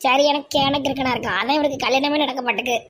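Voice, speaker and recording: A woman's voice: sits high, fairly even intonation, very fast, background noise, close to an everyday voice. A woman with a Tirunelveli Tamil accent voicing a blunt, gossiping middle-aged village aunt in a cartoon, mocking and slangy.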